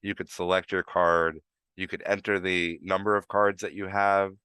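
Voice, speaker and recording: Low-voiced man with a New York accent. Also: flat delivery, moderate pace, bright, forceful tone, smooth, dry recording, clean studio sound. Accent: New York, with some Florida. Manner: rambling, lots of fillers and restarts. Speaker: live stream host. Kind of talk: casual explanatory chat.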